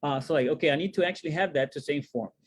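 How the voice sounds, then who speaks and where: Brief: man from Brazil, co-host, casual webinar chat, husky edge, animated, rhetorical questions. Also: racing. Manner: animated, rising pitch on rhetorical questions, many fillers. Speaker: co-host, wealth coach.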